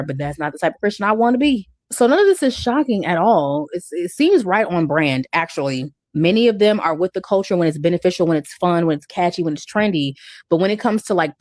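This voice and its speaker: An American woman telling stories in quick, steady commentary. Her voice sits a bit low, and the recording is dry and close. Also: dry recording. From United States. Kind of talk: casual commentary.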